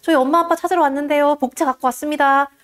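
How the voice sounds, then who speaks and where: A woman's voice: high voice, fairly even intonation, rapid-fire, lightly acted. A woman voicing a young male hero from a classic tale who earnestly pleads to find his parents. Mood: pleading.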